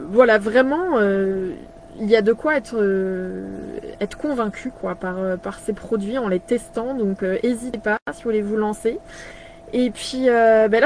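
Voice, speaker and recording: A woman in her thirties chatting casually on a live video, pausing often with fillers and restarting her sentences. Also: mid-range voice, a little mellow, slight background noise. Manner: hesitant, many fillers and restarts. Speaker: brand partner presenting products.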